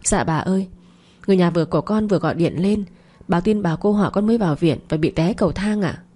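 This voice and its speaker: A woman's voice: lowish voice, quick pace, dark tone, lightly acted. Woman reading as scheming young mistress. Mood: meek pleading. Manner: coaxing, wheedling.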